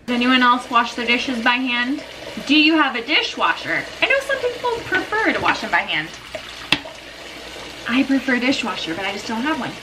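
A woman in her thirties vlogs from her kitchen and laundry area, chatting casually to the camera while she cleans and putting conversational questions to viewers. Her voice is fairly high with big pitch swings and a normal speed. The background is noisy, with music playing.

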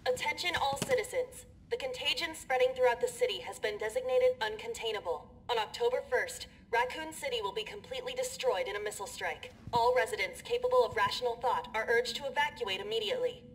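A composed female emergency announcer, her warnings blaring from a city public address loudspeaker. She speaks formally and evenly, with a slightly high voice, and a faint background hiss runs under the game audio. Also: poor audio. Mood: urgent. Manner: formal, measured, official.

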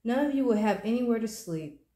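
A woman voicing a patient, tired mother bear who speaks gently and turns firm when she scolds. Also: fairly high pitch, animated, brisk, close to an everyday voice. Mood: motherly. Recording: roomy echo.

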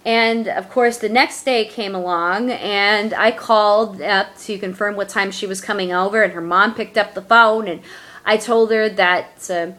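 A young adult woman telling a personal story in her vlog, earnest and halting, with many fillers. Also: medium pitch, fairly even intonation, fairly bright tone. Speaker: vlogger.

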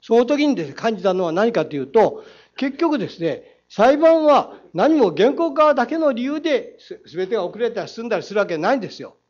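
A man with a Saga accent grills the mayor from the council floor, quoting passages and firing rhetorical challenges. His voice sits high for a man. The recording is a muffled, lo-fi council chamber feed. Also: sing-song, brisk, a little mellow. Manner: combative, reads quotes aloud, rhetorical challenges. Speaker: city council member. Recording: dull lo-fi council chamber audio.

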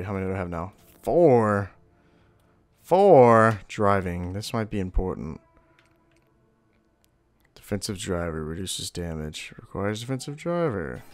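Low-voiced, slow-talking young male gamer. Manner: crude, sweary, slangy muttering. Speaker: gamer, video player. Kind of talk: casual gameplay commentary. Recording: game music behind the voice. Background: video game music.

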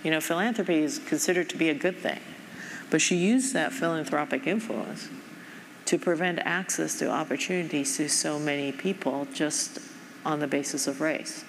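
On a large conference stage, a middle-aged Japanese woman who heads a foundation talks in an onstage conversation. Her low voice is thoughtful and measured, with frequent fillers, and the hall is reverberant with faint noise.

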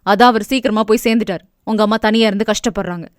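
A woman voicing an angry, grieving adult husband, with a lowered, gruff voice that often shouts. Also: quick pace, no echo, studio quality, lightly acted.

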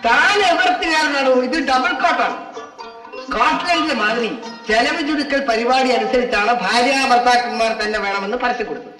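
An actor playing a bossy, talkative middle-aged school manager who speaks in a brisk, lecturing way in a 1970s film scene. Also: male voice, very high-pitched, sharp tone, faint music behind. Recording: echoey, distant old film soundtrack.

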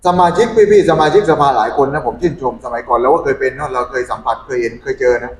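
A man's voice: mid-range voice, fast talker, roomy sound, low-quality recording. A man interviewing a local council member, asking probing questions in casual talk.

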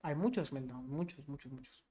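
Animated Mexican man telling a story. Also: medium pitch, normal speed. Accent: Mexican Spanish. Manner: animated storytelling, swearing freely. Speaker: podcast co-host. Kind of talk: casual chat.

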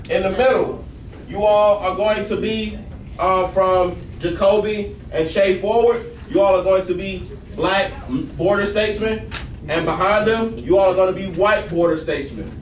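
A male teacher with a high voice gives a large class directions at a moderate pace and fairly even intonation, often checking in with "all right?" It's picked up by a far camera at the back of the room, so the classroom audio is echoey, distant, and noisy.

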